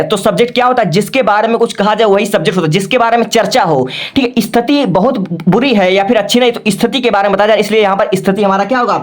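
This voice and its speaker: A male teacher giving a patient, step-by-step lesson, often checking in with "okay" and spelling words out letter by letter. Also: sits high. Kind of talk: classroom-style lesson.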